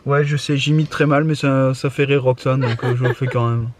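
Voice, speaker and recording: A man's voice: mid-range voice, fairly even intonation, a little fast, darkish tone. A man trading teasing, jokey banter with his family. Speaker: family vlogger's partner.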